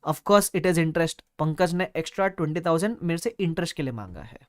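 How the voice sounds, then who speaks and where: A man's voice: on the high side, lively intonation, brisk, dry recording, studio quality. A man teaching an online exam-prep lecture, playful and storytelling, mixing Hindi and English.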